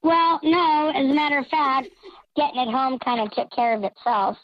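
Woman, morphing voice-changer effect, anonymous caller, chatty, dull lo-fi line, slightly high. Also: steady tone, normal speed, a crowd in the background. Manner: chatty, with lots of fillers and self-corrections. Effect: voice changer morphing her voice. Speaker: anonymous caller confessing a secret. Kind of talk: casual storytelling on a call-in show.

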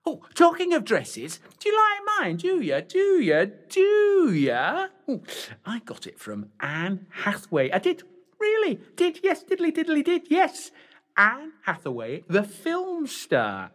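A man's voice: very high-pitched, wildly swooping pitch, measured pace, a bit bright, full character voice. An actor playing a muddled old male pantomime dame who slips into panto crowd callback and stage patter in a radio drama. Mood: gleeful, camp. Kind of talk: theatrical drama acting.

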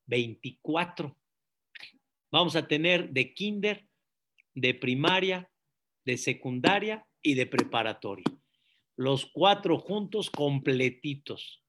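A rabbi preaching, telling stories and quizzing the audience with questions. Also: male voice, high voice, a bit bright. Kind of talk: sermon.

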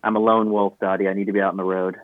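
Young male co-host, low-quality remote call audio, dry and phone-thin, rambling casual delivery. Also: flat delivery, very fast, dry recording. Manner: rambling, with many restarts and stammered repeats. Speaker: podcast co-host. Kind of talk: casual chat. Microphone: remote video call. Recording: tinny dry video-call line.

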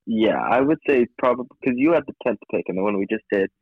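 A man's voice: fairly low pitch, animated, quick pace, dry recording. A man co-hosting a casual sports chat, heard over a crackly phone line and often restarting his phrases. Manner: restarts phrases, repeating words. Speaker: podcast co-host. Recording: tinny, crackly phone call.

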